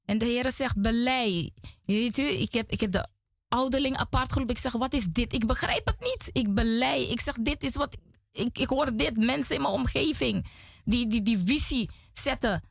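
A woman's voice: on the high side, lively intonation, normal speed, gravelly, dry recording. A woman guest in a small studio giving an emotional religious testimony, earnest and repeating words as she talks.

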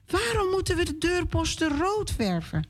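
A woman voicing a curious, excited little girl in a children's story. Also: extremely high pitch, normal speed, pitched above the performer's own voice. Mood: eager.

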